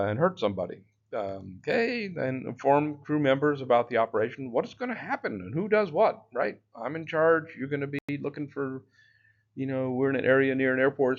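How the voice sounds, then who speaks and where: A man's voice: mid-range voice, highs cut off. A man teaching an exam-prep lecture in a loose, chatty way, full of fillers and asides. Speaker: drone exam instructor.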